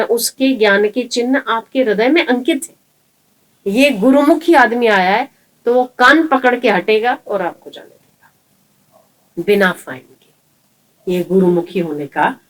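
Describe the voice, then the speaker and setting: A woman preacher giving a sermon, telling parables and asking rhetorical questions. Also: a little high. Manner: lively storytelling, rhetorical questions. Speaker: spiritual preacher.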